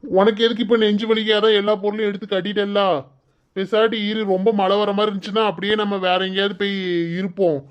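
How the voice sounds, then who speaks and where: A man playing a calm, matter-of-fact husband. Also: sits high, fast talker, lightly acted. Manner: plain, steady. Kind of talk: cartoon voice acting. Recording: dull lo-fi recording.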